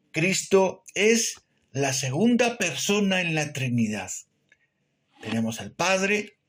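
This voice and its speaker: A man preaching a short sermon meditation, earnest, often adding amen and little tag questions. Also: fairly high pitch.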